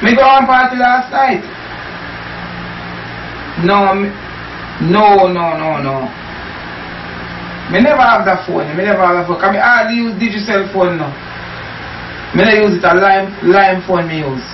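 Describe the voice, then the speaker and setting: A man acting as a brash street gangster with a high voice and a Caribbean accent. He boasts in repetitive slang, as in a homemade comedy skit. The sound is distant and echoey, picked up in a bedroom. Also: measured pace, long pauses. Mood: defiant. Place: small tiled bedroom. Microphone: camera microphone across the room. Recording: roomy, dull, noisy distant camera audio.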